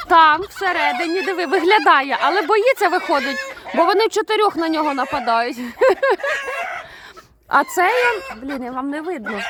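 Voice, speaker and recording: A woman vlogging casually outdoors in her farmyard, chatting to viewers and scolding and shooing her poultry with laughs. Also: high voice. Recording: outdoor video with loud farmyard noise. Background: chickens, roosters and fowl clucking and crowing.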